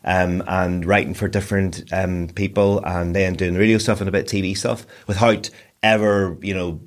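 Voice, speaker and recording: A man's voice: low voice, fairly even intonation, normal speed. A Northern Irish man in his forties, a broadcaster and DJ chatting in an interview, rambling and self-deprecating with frequent restarts. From Northern Ireland. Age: 40s. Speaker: guest, broadcaster and DJ. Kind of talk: casual interview chat.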